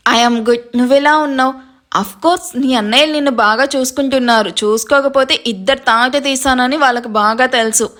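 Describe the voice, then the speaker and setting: A woman's voice: sits high, normal speed. A woman reading the lines of a caring, firm young husband reassuring his wife in a storybook. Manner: calm, reassuring.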